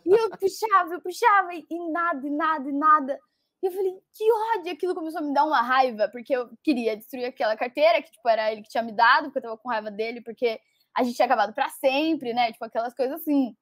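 High-voiced young woman telling a story. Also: fast talker, no echo, clean studio sound. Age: young adult. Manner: animated, laughs often, many fillers. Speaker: guest storyteller. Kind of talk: casual storytelling.

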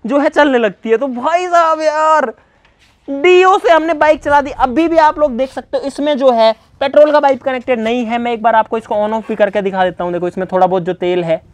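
A vlogger with a very high, slightly mellow voice talks fast and fairly evenly, barely pausing, with no echo. Demonstrating a bike trick in a casual hands-on vlog, he chats to viewers as brother and guys and repeats urgent commands to a helper.

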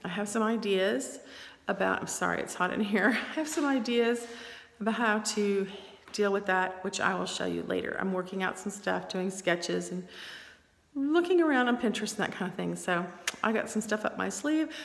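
A woman's voice: medium pitch, moderate pace, gravelly. A middle-aged woman chatting casually through a home video tour, rambling and laughing often, her voice echoing in a bare room. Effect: long echo in a bare room under renovation. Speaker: vlogger. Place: her bedroom during home renovation, indoors. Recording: echoey room with long reverb.

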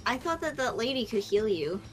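A woman's voice: a little high, sing-song, brisk, fairly bright tone, faint music behind. A woman co-hosting a let's-play, making tired, wry, swearing remarks with laughs. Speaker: co-host of a let's-play show. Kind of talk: casual game commentary.

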